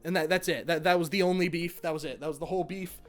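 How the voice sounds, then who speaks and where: A man's voice: on the high side, steady tone, fast, soft background music. A young man giving a casual spoken cartoon review, ranting and swearing in exasperation. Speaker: animation reviewer.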